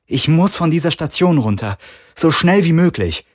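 A man's voice: medium pitch, very animated, moderate pace, a little mellow, breathy edge, pitched above the performer's own voice. A man playing a desperate young smuggler. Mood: desperate, pleading. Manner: urgent, pleading.

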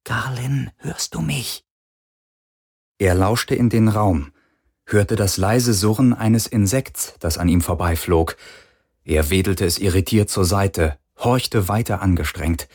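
A man narrating a science fiction audiobook in a steady, dramatic way. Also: low-pitched, unhurried. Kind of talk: scripted narration.

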